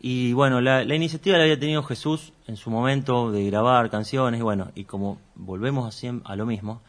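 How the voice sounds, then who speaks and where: On a radio show, a male musician guest chats casually and rambles a bit, often poking fun at himself. His medium-pitched voice is steady in tone and fairly quick.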